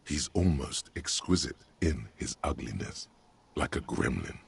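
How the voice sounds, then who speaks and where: A man's voice: rumbling low, expressive, a little slow, vocal fry, heavy background noise, exaggerated voice. A man voicing a solemn game narrator with a grave, dryly mocking delivery. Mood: wry. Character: deep solemn male game narrator, wry.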